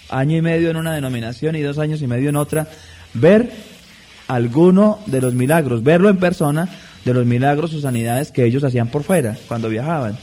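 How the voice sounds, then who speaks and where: A man preaching a sermon in a measured, deliberate way, stressing key words. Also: mid-range voice, mellow.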